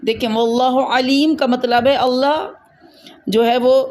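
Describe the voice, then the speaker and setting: A woman's voice: sits high, steady tone, a little mellow. A woman with a Pakistani Urdu accent teaching a Quran recitation lesson to a student, patiently explaining and checking that she understands.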